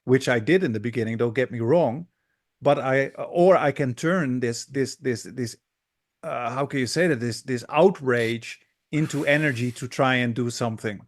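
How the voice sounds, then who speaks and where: A man in his thirties from the Netherlands, hosting a political interview, passionate but halting with frequent restarts. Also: mid-range voice. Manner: hesitant, many restarts, impassioned. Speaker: interview host, academic.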